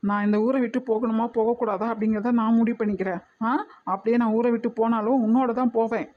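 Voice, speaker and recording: A woman voicing a calm, protective young man in a cartoon, talking in a patient, gently scolding way. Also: on the high side, fast talker, muffled recording, lightly acted. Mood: pleading, exasperated. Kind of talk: cartoon voice acting.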